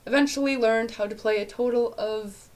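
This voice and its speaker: Over poor audio, a young woman with a slightly high, mellow voice and fairly even intonation answers viewer questions to her webcam at a moderate pace. She's in a small bedroom, sounds nasal and congested after illness, and chats in a rambling way full of fillers and laughs.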